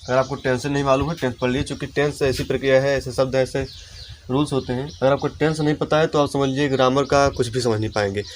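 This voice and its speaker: A man teaching English grammar in a lesson, explaining step by step and slowing down to dictate example sentences. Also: mid-range voice, steady tone, a little hiss or hum. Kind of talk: Hindi-language classroom lesson.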